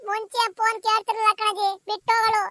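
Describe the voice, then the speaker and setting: A woman's voice: extremely high pitch, level tone, fast talker, bright, forceful tone. A woman voicing a distraught village mother in a cartoon, melodramatic, wailing and cursing.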